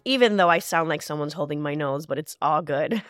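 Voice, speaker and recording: A woman's voice: deep voice, a little fast, no echo, clean studio sound, soft background music. A woman host delivering a scripted, upbeat, promotional introduction to a podcast.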